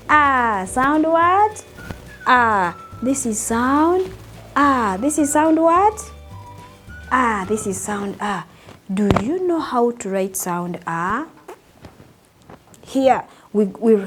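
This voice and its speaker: Slow, high-voiced preschool teacher woman. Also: a bit bright. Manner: slow, sing-song call-and-response with praise. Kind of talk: toddler phonics lesson.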